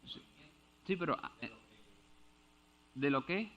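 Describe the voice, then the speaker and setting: A man's voice: on the high side, lively intonation, slow. Man preaching in dull lo-fi sound. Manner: explains step by step, often asks if understood; stumbles over Greek words. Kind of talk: Bible teaching sermon. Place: church.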